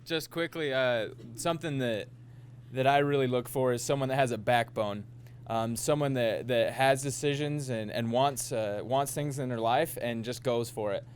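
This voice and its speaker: A man answering panel questions in a thoughtful, measured way. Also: medium pitch, a little hiss or hum.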